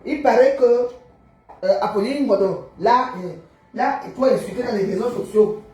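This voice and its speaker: A woman's voice: fairly high pitch, moderate pace, a little mellow, faint music behind. A woman with a Cameroonian French accent, ranting on a live stream and scolding viewers who comment, in a combative, mocking way. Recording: roomy echo.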